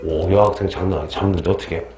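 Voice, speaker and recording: A man's voice: sits low, fairly even intonation, rapid-fire, a little mellow, roomy sound. A middle-aged man teaching a history class, quizzing his students and joking and laughing with them as he lectures.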